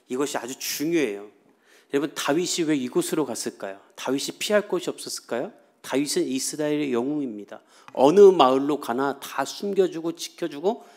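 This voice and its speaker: Pastor guy giving a sermon, chatty storytelling, kinda high voice. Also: a little mellow. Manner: conversational storytelling, acting out quoted lines.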